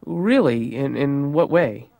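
A man's voice: mid-range voice, animated, takes it slowly, gravelly, dark tone, dry recording. A man doing a comedy bit as a therapy patient, eager and rambling, stumbling over his words.

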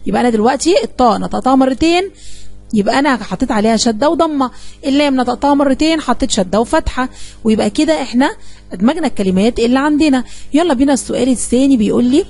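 A woman's voice: high voice, animated, very fast, darkish tone. A woman teacher with an Egyptian accent explaining a primary-school lesson, putting questions to the class and answering them herself. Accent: Egyptian Arabic.

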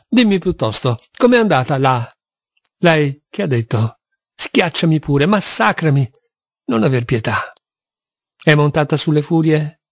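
A man's voice: mid-range voice, no room sound, studio quality. Man reading as Dmitri, a tormented impulsive young man. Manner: impulsive, swings from despair to wild exultation. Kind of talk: audiobook character reading.

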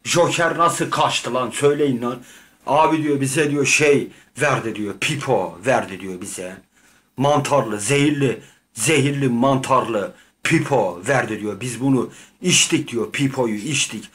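A man's voice: medium pitch, unhurried, a bit bright. Rambling, swearing man narrating his game. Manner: rambling, swearing, acts out quoted lines. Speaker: gamer. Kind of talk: comic improvised game commentary.

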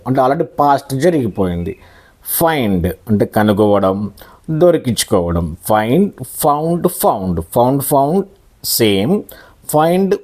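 A man with a Telugu accent teaching a spoken English lesson, explaining verb forms slowly and drilling words by repetition. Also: medium pitch, darkish tone. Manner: slow, deliberate, drills words by repeating them.

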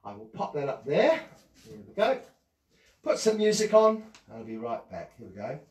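A man's voice: high voice, huge pitch swings, moderate pace. An older man performing as a children's party magician, coaxing the children with simple questions, prompts and exclamations. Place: small indoor home-style stage with curtain backdrop. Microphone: headset. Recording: echoey room, slightly distant sound.

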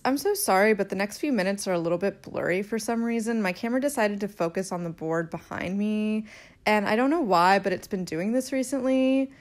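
Sick and a bit nasal, a woman records a casual vlog in her bedroom, couch behind her, apologizing and rambling while gesturing animatedly. Her voice is mid-range, and the camera mic is about an arm's length away.

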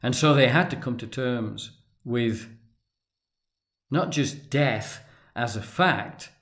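A man lecturing at length off the cuff, speaking deliberately and pausing often, with restarts as he stresses key words. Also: medium pitch, fairly bright tone. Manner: deliberate, halting, with restarts and emphatic pauses. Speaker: tarot and religion commentator. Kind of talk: unscripted lecture.

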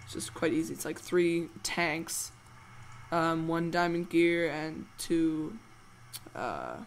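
A man's voice: on the high side, expressive, slow pace, vocal fry. A teenage boy giving rambling, playful commentary while playing a game, with goofy jokes. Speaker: let's play host. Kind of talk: casual gameplay commentary.

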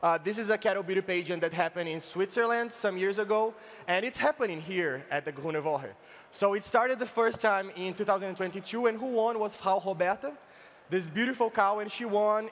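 A man giving a playful comic science talk on stage, halting often and filling pauses as he explains. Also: sits high, a bit bright. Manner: playful, halting, with many fillers and restarts. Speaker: science slam presenter. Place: large event stage, indoors. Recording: reverberant live event hall.

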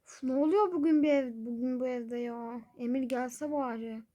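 A woman's voice: high voice, normal speed, dark tone, natural voice. A woman voicing a fussy, nagging mother in a toy-game role-play, grumbling with sighs. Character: fussy scolding mother of a family.

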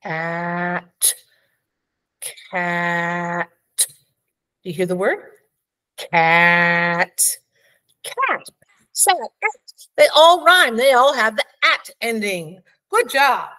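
A woman teaching a preschool phonics lesson, sounding out letters and words slowly and praising the child. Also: lowish voice, pushed and bright. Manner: slow, encouraging, sounds out letters.

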